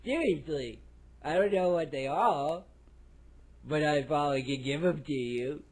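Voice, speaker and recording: A man voicing a bumbling male phone salesman who gives a clueless, chipper cartoon sales pitch. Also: measured pace, husky. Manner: chipper salesman patter, making noises. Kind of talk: cartoon answering machine message.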